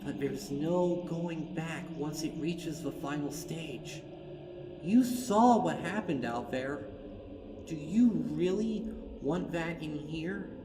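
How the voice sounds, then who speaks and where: A man voicing a stern young female unicorn with a sharp, urgent, commanding manner in a horror story reading. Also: fairly high pitch, takes it slowly, reverberant, recorded from a distance, noisy background, voice pushed up. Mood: grim, firm.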